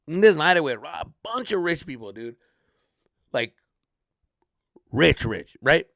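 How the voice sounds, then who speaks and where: On his solo podcast, a Mexican-American comedian spins casual, sweary, slang-filled stories, switching into Spanish and acting out people's reactions with lots of energy. He speaks a little high and a little slowly with vocal fry. It's studio quality with no room sound.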